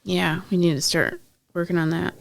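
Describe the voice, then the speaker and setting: A woman's voice: lowish voice, fairly even intonation, moderate pace, creaky, dry recording. A woman co-hosting a podcast, chatting casually in an agreeable, supportive way. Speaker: podcast co-host. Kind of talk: casual chat.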